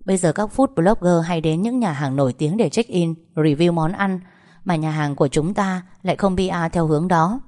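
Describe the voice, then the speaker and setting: A woman's voice: on the low side, normal speed, darkish tone, natural voice. A woman voicing a displeased female restaurant employee complaining to her boss in a spoken story. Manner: complaining, worried. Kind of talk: audiobook storytelling.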